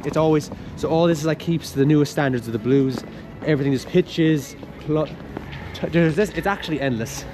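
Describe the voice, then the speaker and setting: Touring a campus on foot, a young male student guide explains things in an eager, informal, loosely worded way. His pitch is fairly high and he talks a little fast. The outdoor recording is noisy, with clear city ambience and traffic.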